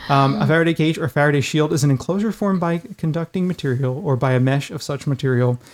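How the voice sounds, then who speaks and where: This middle-aged podcast host has a high-pitched voice and talks fast. He chats casually, rambling in an irreverent way and swearing freely.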